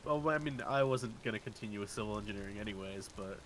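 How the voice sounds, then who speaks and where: A man streaming a game and chatting casually, wry and quick to laugh. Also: lowish voice, a little hiss or hum, low-quality recording. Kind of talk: casual gaming chat.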